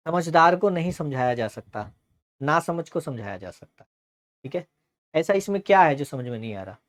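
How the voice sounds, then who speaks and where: Man, shorthand teacher, classroom dictation, slow repeated words, fond address to students. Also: fairly high pitch, expressive.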